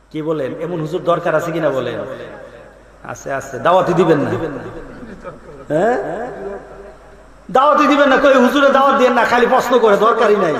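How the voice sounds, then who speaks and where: A man preaching a fervent Islamic sermon, putting on voices for the people in his stories and calling out questions to the listeners. His voice sits high. It rings through a roomy hall over the sound of a large gathering. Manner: dramatic, acts out quoted voices, asks the crowd questions. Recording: echoey hall with crowd.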